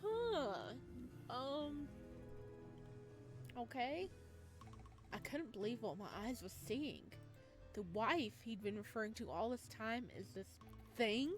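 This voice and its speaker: Reading a visual novel aloud, a woman with a slightly high voice keeps the narration calm but quickly bursts into startled, lively reactions. Faint music plays in the background.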